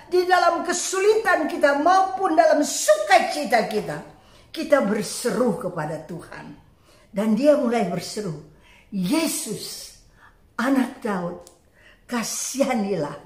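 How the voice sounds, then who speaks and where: A woman preacher giving an earnest, emphatic sermon with dramatic pauses. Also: very high voice, echoey room.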